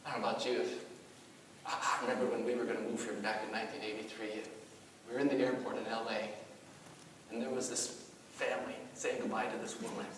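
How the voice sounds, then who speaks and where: A middle-aged male pastor giving a sermon in an animated, conversational storytelling way, with many asides. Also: lowish voice, quick pace, long pauses. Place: church hall. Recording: echoey hall, mic far off, faint noise.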